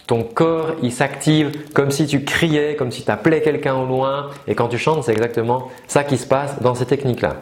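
A man's voice: mid-range voice, steady tone, moderate pace, few pauses. Chatty male singing teacher, roomy echo. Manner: explanatory, many fillers, demonstrates sung notes. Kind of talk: casual YouTube lesson.

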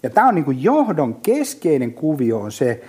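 The voice is a little high and slightly rough, belonging to a middle-aged man who is a business guest on a casual podcast. He talks vividly like a lively storyteller, with many fillers and restarts along the way.

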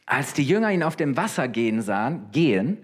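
Male preacher, casual sermon, lively, questioning the audience. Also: medium pitch, brisk, breathy edge.

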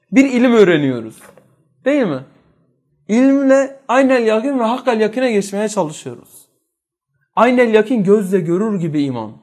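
High-voiced man teaching a faith lesson. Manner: quizzes listeners with rhetorical questions. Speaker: religious teacher. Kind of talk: religious study lesson.

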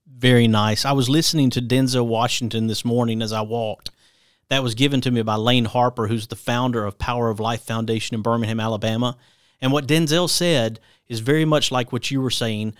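A man's voice: mid-range voice, fairly even intonation, normal speed, clean tone, no room sound, clean studio sound. A man hosting a radio interview, asking questions and adding short, encouraging remarks. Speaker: radio host.

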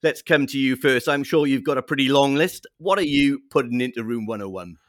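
A man's voice: medium pitch, brisk, dry recording, studio quality. A man hosting a festive podcast in an informal, jovial manner. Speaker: podcast host.

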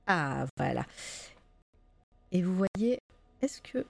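A woman's voice: lowish voice, big pitch swings, takes it slowly, creaky, no echo. A woman hosting a live stream in a casual, chatty way, with many fillers and little giggles. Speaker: stream host.

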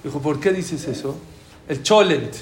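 A man teaching a Talmud class to a live audience, lively and quizzing listeners with questions. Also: a little high, measured pace. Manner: animated, asks the audience questions. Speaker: Torah teacher. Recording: roomy room with faint ambience.

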